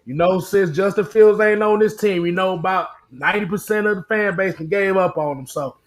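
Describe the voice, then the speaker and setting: A man with a high, light voice, talking football on a casual livestream. He gets animated, laughs a lot and repeats lines over and over to hammer a point home. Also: brisk. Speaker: sports talk co-host. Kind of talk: casual sports chat livestream.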